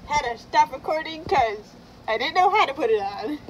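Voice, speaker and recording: A woman's voice: high voice, animated, moderate pace. A woman hosting a casual unboxing vlog, chatty and upbeat, her voice muffled from speaking inside a mask head. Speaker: vlog host. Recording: loud background noise.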